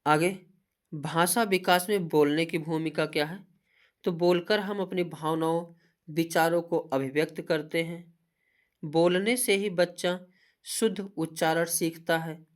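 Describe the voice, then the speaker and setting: A Hindi teacher, unhurried and medium in pitch, delivers exam-prep material by reading points steadily one after another. Mid-sentence she often raises a question and answers it on her own.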